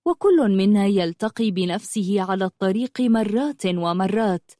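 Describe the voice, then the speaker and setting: Calm woman narrating a story. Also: mid-range voice, normal speed, dry recording, studio quality.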